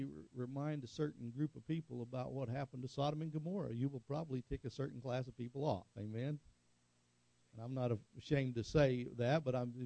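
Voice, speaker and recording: A man's voice: mid-range voice, vocal fry, warm tone, no echo. A middle-aged man preaching a sermon in a conversational way, telling stories and asking the congregation for an amen. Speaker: pastor.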